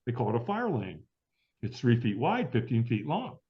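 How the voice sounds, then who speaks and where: A man's voice: mid-range voice, huge pitch swings, moderate pace. A middle-aged man as an interview guest, telling a story in a vivid way and acting out the quoted dialogue. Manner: vivid, acts out quoted dialogue, laughs often. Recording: dull lo-fi audio.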